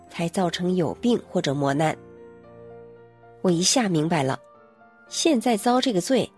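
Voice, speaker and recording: A woman reading a first-person story aloud in an earnest, expressive way. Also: mid-range voice. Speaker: narrator. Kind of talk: scripted first-person narration. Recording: faint background music.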